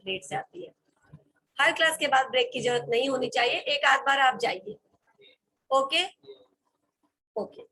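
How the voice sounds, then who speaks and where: Woman teacher, high and bright, spells words aloud and checks in with the class. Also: breathy edge, low-quality recording. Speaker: English vocabulary teacher. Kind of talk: classroom lesson. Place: classroom with students.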